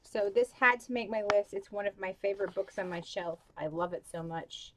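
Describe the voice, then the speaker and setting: A woman's voice: mid-range voice, brisk, background noise. Chatty young woman gushing over books. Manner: gushing, filler-heavy, with many "like" and "um". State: has the hiccups. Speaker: book vlogger. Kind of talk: casual chat to camera.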